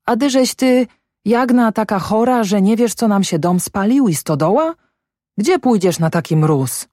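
A narrator voicing a stubborn, anguished peasant farmer in a storybook reading, speaking in rough, blunt country talk. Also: male voice, fairly high pitch, animated, a little slow, darkish tone, no echo, studio quality. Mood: alarmed.

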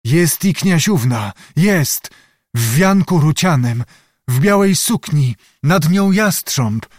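A man's voice: fairly high pitch, animated, slow pace, no echo, clean studio sound, pitched above the performer's own voice. A man voicing a fierce young Cossack witch, wild and coarse, in a raised chanting voice for an audiobook. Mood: chanting, ecstatic. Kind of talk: audiobook reading.

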